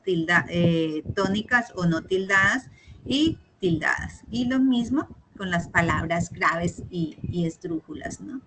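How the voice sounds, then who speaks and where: A woman's voice: medium pitch, fairly bright tone, a little hiss or hum, poor audio. Woman teacher explaining spelling online. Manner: patient, many fillers, checks in with "¿no?". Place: online meeting recording. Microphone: computer mic on a video call.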